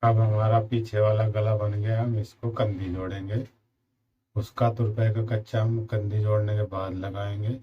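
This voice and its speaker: A man with a slightly sore throat gives a slow, repetitive step-by-step sewing tutorial as a tailoring instructor. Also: fairly low pitch, level tone, highs cut off, faint music behind. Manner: slow, repetitive instructions addressing viewers as friends.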